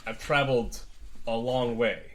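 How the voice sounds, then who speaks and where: A man voicing a regal lord of great ancestry in a booming, commanding warrior-king manner. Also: steady tone, measured pace, a bit bright, close to an everyday voice.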